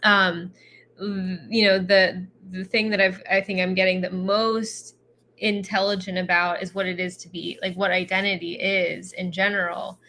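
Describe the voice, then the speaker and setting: A woman's voice: fairly low pitch, flat delivery, a little slow, pushed and bright, a little hiss or hum. A woman co-hosting a podcast, musing reflectively in a casual chat with lots of filler words. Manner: reflective, filler-heavy, thoughtful. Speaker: podcast co-host.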